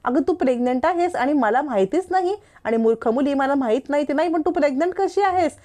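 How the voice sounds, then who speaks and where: A woman's voice: high voice, animated, a little fast, voice pushed up. A woman voicing an angry, protective elder sister who scolds her younger sister. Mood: angry scolding. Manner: scolding, shouting reproaches.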